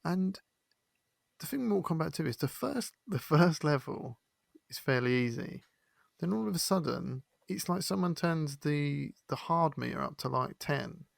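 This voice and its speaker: Gravelly man, animated chat. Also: fairly high pitch, moderate pace, dry recording. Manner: animated storytelling, quotes others. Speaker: podcast co-host. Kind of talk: casual chat.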